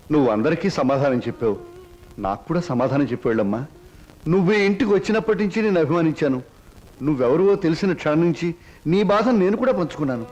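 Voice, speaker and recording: A man plays a kindly old man who tenderly begs a young woman to become the daughter he never had. He talks quickly and gently over a soft film score. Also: a little high, natural voice, low-quality recording. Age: older. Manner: gentle and affectionate. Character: kindly childless old man pleading with a girl. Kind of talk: Telugu film drama acting.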